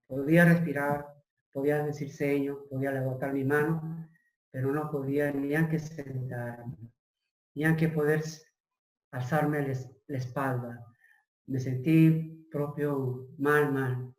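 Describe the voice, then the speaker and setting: A middle-aged man telling a personal testimony as an interview guest, halting and searching for his words. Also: medium pitch, steady tone, darkish tone. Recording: roomy echo.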